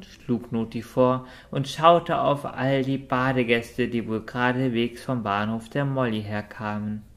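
Man reading a storybook aloud. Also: mid-range voice. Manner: lively character voicing. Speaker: audiobook narrator. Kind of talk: storybook narration.

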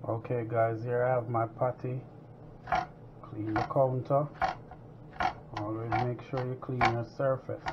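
A man's voice: medium pitch, unhurried, long pauses. A man hosting a home cooking tutorial in his kitchen, talking casually as he works. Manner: relaxed, chatty, talks while working. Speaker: home cooking show host. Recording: dull lo-fi sound with kitchen noise.

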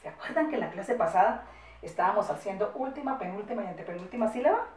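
A Colombian primary school teacher speaks Spanish to her first-grade class in affectionate, singsong tones packed with diminutives, slowing to dictate word by word. Her medium-pitched voice is expressive and a little mellow, set back from the mic in an echoey room.

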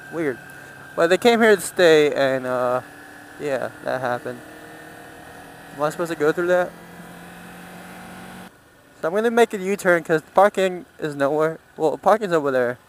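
This male motorcycle vlogger has an expressive voice on the high side, speaking a little slowly with long pauses. He's outdoors riding city roads, giving casual, rambling commentary as he thinks aloud, with a little hiss or hum audible.

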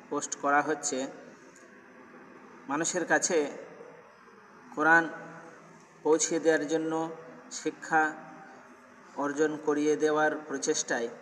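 Guy slowly drilling letter sounds one by one, flat steady voice, long echo, faint hiss behind. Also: a little high. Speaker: Quran reading teacher. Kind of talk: slow recitation lesson.

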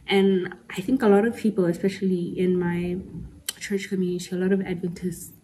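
A woman's voice: on the low side, level tone, brisk, warm tone, poor audio. A young woman in her twenties, chatting candidly and personally as a podcast host, laughing often and dropping in local slang. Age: 20s. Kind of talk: casual personal chat.

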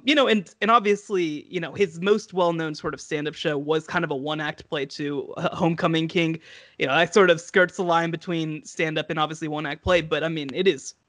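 A man's voice: on the high side, fairly bright tone, dry recording. Eager man on a headset video call. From United States. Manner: enthusiastic, talks in long run-on thoughts. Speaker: podcast co-host. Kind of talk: casual chat. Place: home room. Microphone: headset mic on video call.

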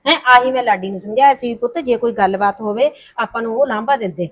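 A woman playing a fast-talking soothing mother. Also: a little high, natural voice. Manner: soothing, pleading, says "puttar" a lot. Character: soothing middle-aged mother smoothing over family quarrels. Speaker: the heroine's mother.

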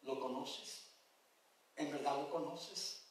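A man's voice: a little high, steady tone, slow. A man pastor giving an impassioned sermon and putting questions to his congregation. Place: church sanctuary. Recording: very echoey church hall, mic far off.

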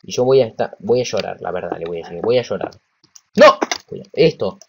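A man with a Rioplatense Spanish accent giving casual let's-play commentary. He is excitable, talks to himself and to the game, and swears when frustrated. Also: low voice, a little fast, creaky, highs cut off, a little hiss or hum. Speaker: gameplay commentator.

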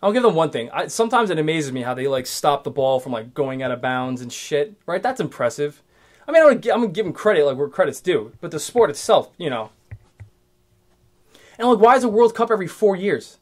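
A man's voice: fairly high pitch, sing-song, fairly quick. Profane, rambling young man ranting solo. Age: 20s. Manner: profane, rambling, restarts a lot. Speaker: podcast host. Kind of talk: casual solo rant.

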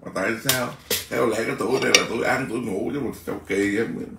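Middle-aged man, casual rambling chat, gravelly low voice, roomy sound from off-mic. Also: fast talker, pushed and bright, far from the mic. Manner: chatty, rambling, repeats words. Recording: roomy, off-mic with faint noise.

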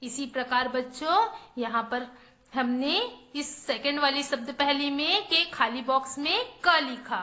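A high, bright woman's voice leads a primary school lesson, stretching each word out slowly and saying it twice so little ones can follow. The recording is a bit dull and lo-fi. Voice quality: draws out words syllable by syllable, repeating them for children. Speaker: primary school Hindi teacher. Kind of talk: slow, clearly enunciated lesson for young children.

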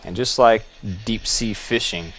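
A gameplay video host with a very low voice gives casual commentary on a video game, easygoing and musing, often pausing to restart a thought. A faint hiss sits behind his home desk microphone.

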